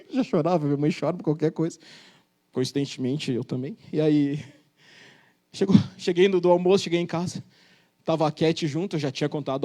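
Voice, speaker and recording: A man's voice: sits high, darkish tone. A man, a pastor telling a humorous testimony in church and acting out the voices. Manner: joking storyteller, acts out voices.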